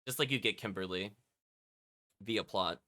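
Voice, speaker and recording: A man streams a video game, reading its text aloud and chatting to viewers with frequent casual asides. His voice is fairly low and sharp-toned, at a measured pace.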